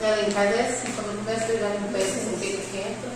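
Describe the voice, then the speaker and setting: A woman's voice: medium pitch, flat delivery. A woman, a mother taking part in a church class, talking casually and quoting her son. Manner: talks fast, quotes her son. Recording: echoey room, distant mic, background noise.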